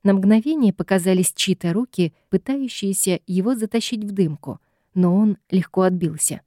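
A woman reads a first-person fantasy story aloud in a lively, expressive style. Her tone is mellow and soft rather than bright. The recording is close and dry, with no room sound. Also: medium pitch, moderate pace, no echo. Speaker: audiobook narrator.

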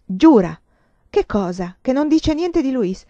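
A woman's voice: high voice, very animated, a little slow, dark tone, no room sound, voice pushed up. A woman voicing an anxious young woman who pleads and insists, in a dull lo-fi recording. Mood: insistent.

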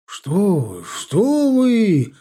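A man voicing a grey-haired provincial official who barks at his household and fawns over guests, in a loud, bustling manner. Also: a little high, measured pace. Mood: effusive.

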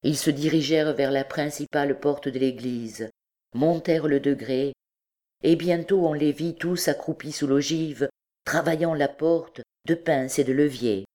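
A woman reading a classic novel aloud, in steady, measured narration. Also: low voice. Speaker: audiobook reader.

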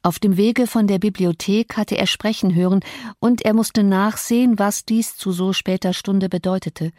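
A woman reading a novel aloud in measured, scripted narration. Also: mid-range voice, steady tone, darkish tone, dry recording, clean studio sound. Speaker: audiobook narrator.

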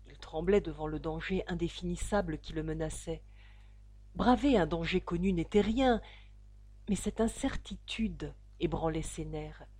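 A woman narrating a classic novel aloud in a measured, steady reading voice, close to the microphone. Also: sits low, breathy edge, no echo. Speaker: audiobook narrator.

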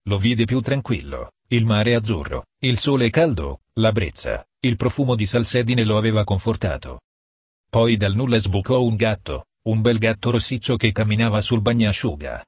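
A man reading a story aloud as an audiobook narrator, in a measured way that slows for emphasis. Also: fairly low pitch, animated, breathy edge, no echo, clean studio sound.

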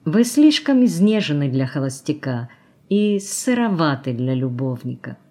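A woman's voice: low voice, very animated, a little slow, dark tone, exaggerated voice. A woman voicing a cynical, worldly society woman who teases and coaxes, in an audiobook. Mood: mocking. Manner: teasing, mocking, coaxing. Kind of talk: audiobook character reading.

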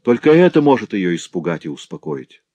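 A man's voice: lowish voice, very animated, fairly quick, warm tone, dry recording, lo-fi sound. A man voicing a sick, impatient wife with a whiny, plaintive manner, his voice raised above his own.

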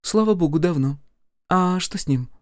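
A man's voice: high-pitched, animated, moderate pace, dry recording, voice pushed up. A bitter, weary ex-wife speaks with a sighing sarcasm, put on by a male reader. Her voice sits well above the narration and lands dry and close to the mic. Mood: sardonic.

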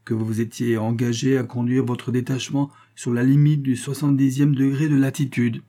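A man voicing an indignant, excitable middle-aged male astronomer in an audiobook, with shrill, exasperated outbursts. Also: brisk, lightly acted.

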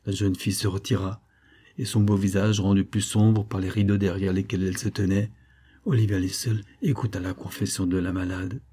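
A man giving measured, scripted narration of a novel in an audiobook. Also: lowish voice, mellow, slightly rough.

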